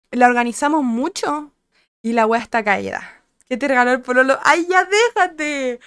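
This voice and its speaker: A young Chilean woman streaming, chatting casually and crudely with her viewers and greeting them by name, her voice a little husky today. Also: on the high side, a bit bright, dry recording, studio quality. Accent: Chilean Spanish. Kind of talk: casual chat with live chat viewers.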